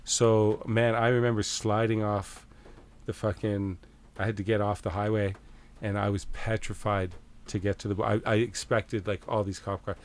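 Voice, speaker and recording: Animated storytelling man, lowish voice. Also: normal speed. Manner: animated, swears freely, acts out quoted exchanges. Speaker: podcast guest. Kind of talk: casual storytelling.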